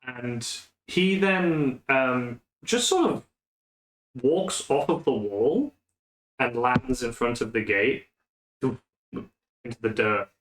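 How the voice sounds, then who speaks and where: A man running a tabletop game as game master, talking in a relaxed, hesitant way with many fillers. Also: medium pitch, takes it slowly, long pauses, roomy sound, rough recording.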